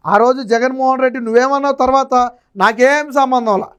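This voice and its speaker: A man's voice: very high voice, fairly even intonation, a little fast, a bit bright, clear, resonant tone. A man delivering political news commentary, scornful and full of rhetorical questions. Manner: scornful, rhetorical questions, quotes others mockingly.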